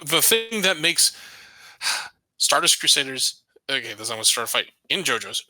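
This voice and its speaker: A man's voice: medium pitch, bright, forceful tone, no room sound, rough recording. A man co-hosting a casual anime podcast, gushing enthusiastically and often restarting his sentences. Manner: enthusiastic, gushing, self-interrupting. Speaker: podcast co-host.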